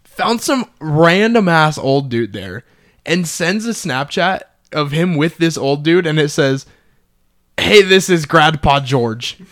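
Man, casual chat, laid-back storyteller, dry recording, mid pitch. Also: expressive, unhurried, dry recording. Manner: laid-back storyteller, swears, laughs often.

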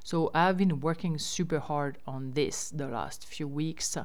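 Female host, deep clean tone, informal update delivery. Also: unhurried. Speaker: host running a riverside lodge and campsite. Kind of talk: casual spoken news update.

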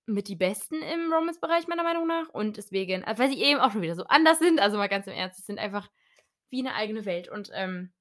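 A woman's voice: mid-range voice, expressive, quick pace, fairly bright tone. Chatty young woman recommending books. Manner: chatty, teasing, many fillers. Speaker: podcast co-host. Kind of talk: casual book chat.

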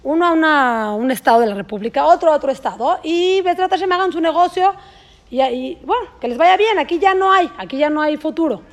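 Earnest worried father in a told parable, a woman putting him on, high voice, pleading advice. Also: expressive, fairly quick. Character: worried middle-aged father giving his sons advice.

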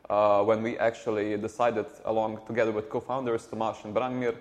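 A man talks through his company's history as an interview guest. He speaks in a halting way, repeating words and filling pauses as he goes. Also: lowish voice, level tone. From Slovenia. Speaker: startup co-founder guest. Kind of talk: conversational interview.

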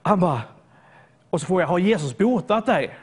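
Male preacher from southern Sweden, high voice, storytelling sermon delivery with restarts. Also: animated, husky. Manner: storytelling, repeats words when searching.

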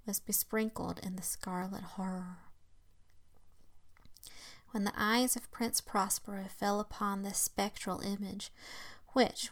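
Woman reading a tale in hushed whispers. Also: mid-range voice, gravelly. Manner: slow, dramatic phrasing with occasional slips. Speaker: reader.

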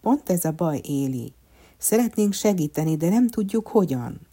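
A woman voicing an earnest, anxious little wood elf in a storybook reading, pleading and higher than her narration. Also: lively intonation, warm tone, breathy edge.

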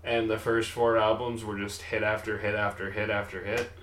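A man's voice: fairly low pitch, level tone, normal speed, a bit bright, reverberant, slight background noise. A man co-hosting a casual chat who rambles, laughs often and trails off mid-sentence. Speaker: podcast co-host.

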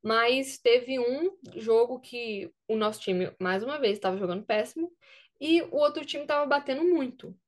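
A young woman from Brazil, a student athlete, recounting a story in a casual interview with lively quoted dialogue. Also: on the high side, moderate pace.

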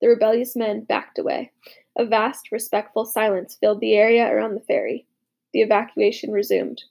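A woman narrating a war story as a young soldier, with dramatic, hushed, urgent delivery in the dialogue. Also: fairly high pitch, little pitch movement, normal speed, gravelly. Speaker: narrator voicing a boy soldier. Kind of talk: audiobook narration.

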